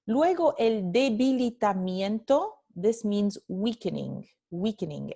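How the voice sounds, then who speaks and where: A woman gives a recorded Spanish phonetics lecture at a slow, unhurried pace. She moves between Spanish and English as she explains. She repeats example words aloud so students can hear them. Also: medium pitch. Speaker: Spanish language instructor.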